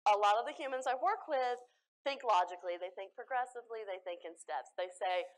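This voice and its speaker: A young American woman giving a conference talk with slides, animated and self-deprecating, laughing often at her own jokes. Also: mid-range voice, fairly quick. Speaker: conference speaker. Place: conference hall stage.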